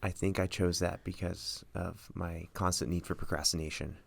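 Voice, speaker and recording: A young adult man who is a podcast guest, answering in a measured, understated way. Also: low-pitched, steady tone, gravelly. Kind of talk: casual podcast interview.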